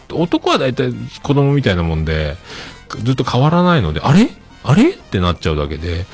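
A man hosting a casual podcast and reading listener mail, relaxed and chatty with many fillers and soft trailing ends, with a Kitakyushu accent. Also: mid-range voice. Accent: Kitakyushu Japanese. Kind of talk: casual solo podcast talk.

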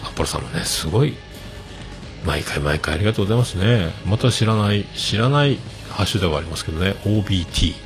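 A middle-aged man with a low voice that swings widely in pitch, hosting a casual solo podcast. He chats and reads listener messages, laughing often. Soft music plays faintly underneath. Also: lively intonation, quick pace. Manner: chatty, laughs often, swoops up into high falsetto when demonstrating singing.

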